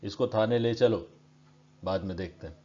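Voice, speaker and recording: A man's voice: lowish voice, normal speed, dark tone, natural voice. A man doing a curt, short-tempered cop. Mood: commanding. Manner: curt, brusque. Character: short-tempered male police officer. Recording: dull lo-fi recording.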